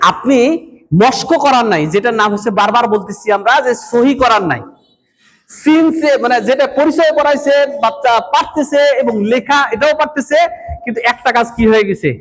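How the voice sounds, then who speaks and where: Lecturing madrasa teachers in their hall, a man with an extremely high, fairly bright voice repeatedly tests the audience with questions. The recording carries a long, echoey reverb.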